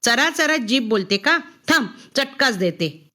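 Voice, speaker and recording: A woman's voice: on the high side, lively intonation, a little slow, exaggerated voice. Woman doing a harsh scolding mother. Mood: angry threat. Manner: sharp, threatening scolding. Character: harsh scolding mother threatening her daughter.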